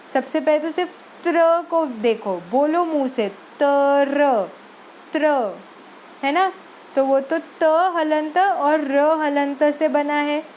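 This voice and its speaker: Slow, patient high-voiced woman teacher. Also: a little mellow, slight background noise, low-quality recording. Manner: patient, spells out syllables slowly, mixes English words into Hindi. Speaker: Sanskrit teacher. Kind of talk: online lesson.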